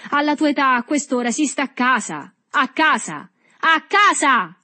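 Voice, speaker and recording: A woman voicing a red-faced, jovial man who gets loud and agitated, read as an audiobook. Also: lowish voice, steady tone, normal speed, husky, dry recording. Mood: shouting. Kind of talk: audiobook reading.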